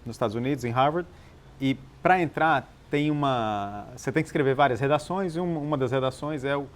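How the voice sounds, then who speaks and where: Chilean-born man, calm explanatory guest. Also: mid-range voice, fairly quick. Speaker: interview guest, nonprofit founder. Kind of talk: relaxed conversational storytelling.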